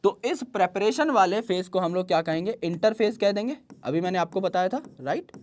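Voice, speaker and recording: Man teaching biology, dictating slowly. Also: high-pitched, animated. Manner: asks rhetorical questions and answers them himself; mixes English terms into Hindi explanation. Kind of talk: online biology lesson.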